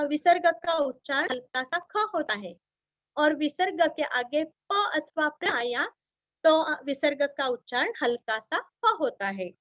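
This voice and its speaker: Woman recitation teacher, Marathi accent, very slow and careful, breaking verses into syllables. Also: high-pitched, a bit bright, no room sound. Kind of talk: teaching Sanskrit chanting pronunciation.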